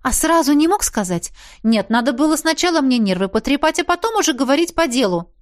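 A woman voicing a fiery young heroine who is quick to anger, talking sharply and sarcastically. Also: high voice, lively intonation, voice pushed up. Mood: exasperated.

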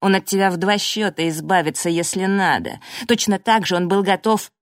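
A woman's voice: mid-range voice, normal speed, no echo, studio quality, close to an everyday voice. A woman voicing a sneering, accusing young man in an audiobook, mocking and confrontational. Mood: cold taunting.

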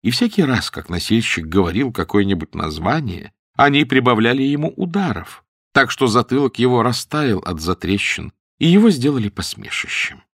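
A man narrating classic tales as an audiobook reader, in a measured storytelling manner that slows for key words. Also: medium pitch, big pitch swings, husky, dry recording, studio quality.

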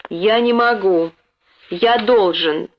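A young boy, frightened yet stubborn, performed by a woman reader with a raised, childlike pitch. He cries out breathlessly and pleads. The recording sounds dull and lo-fi. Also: takes it slowly, natural voice. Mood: distressed.

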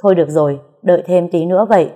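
An anxious young husband pleading in worry, as read by a woman storyteller. Low and mellow in tone. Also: very fast, lightly acted. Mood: worried. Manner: pleading, worried.

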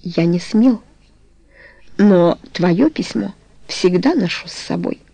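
A woman's voice: lowish voice, lively intonation, slow pace, vocal fry, mellow, husky, no room sound, heavily acted, rough recording. A woman voicing a remorseful, passionate older man in a storybook reading, speaking earnestly and tenderly. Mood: assured.

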